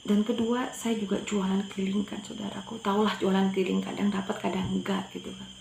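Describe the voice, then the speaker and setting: A woman's voice: medium pitch, level tone, brisk, gravelly, darkish tone, roomy sound, slight background noise, poor audio. A middle-aged woman from Madura, a pastor, telling her personal faith testimony earnestly and often addressing her listeners directly. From Madura, Indonesia.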